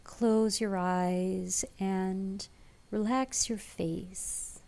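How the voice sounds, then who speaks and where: A woman leading a guided meditation as a teacher, in a soft, breathy, soothing delivery. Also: mid-range voice, fairly even intonation, very slow.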